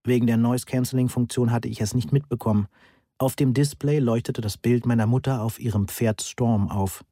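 A man reading a first-person story aloud in an even, matter-of-fact way. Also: medium pitch, a little fast, dry recording, studio quality. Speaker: audiobook narrator. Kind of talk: scripted first-person narration.

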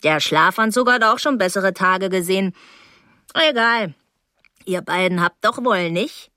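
A woman voicing a sly, gossiping old night nurse in a storybook reading, drawling slowly. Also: mid-range voice, expressive, bright, forceful tone, no room sound, studio quality.

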